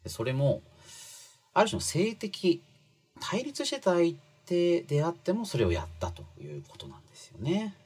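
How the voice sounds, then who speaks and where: A man's voice: fairly high pitch, huge pitch swings, moderate pace, a little mellow, husky. A man talking casually through a book's lessons, chatty and full of fillers, stressing key phrases. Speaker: commentator explaining a book. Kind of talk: casual spoken explainer.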